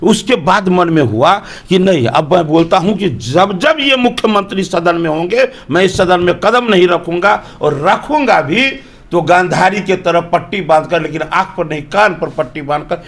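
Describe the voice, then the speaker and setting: A man's voice: high-pitched, expressive, moderate pace, a bit bright. A man, a politician from Bihar, answering interview questions in an emphatic, argumentative way full of rhetorical questions.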